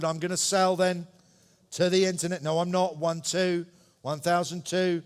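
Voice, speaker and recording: In a large indoor hall with long reverb, a man calls a live auction, his voice a little above average in pitch. He delivers running bid commentary in short, quick phrases, repeating numbers and offering polite asides to bidders.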